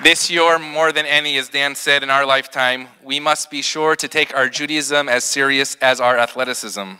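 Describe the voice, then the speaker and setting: A middle-aged man, a rabbi, giving a prepared ceremony speech at a podium, telling stories with slowed, emphatic pauses. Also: medium pitch, fairly even intonation, pushed and bright, clean tone, a faint crowd. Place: large hall with balloon decor. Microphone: podium microphone. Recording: long hall reverb.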